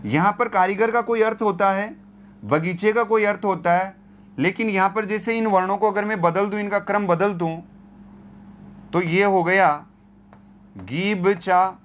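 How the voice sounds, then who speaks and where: A man's voice: high voice, fairly even intonation, normal speed, fairly bright tone, slight background noise. A man teaching Hindi grammar in an exam-prep lecture, repeating key terms and asking rhetorical questions. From India.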